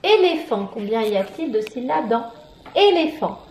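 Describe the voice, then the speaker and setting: A woman with a French accent, teaching syllables to a young child, clapping out each syllable slowly and asking questions. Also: sits high, very animated, a little mellow, echoey room, a little hiss or hum. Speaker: preschool teacher. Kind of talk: slow, sing-song phonics lesson for young children.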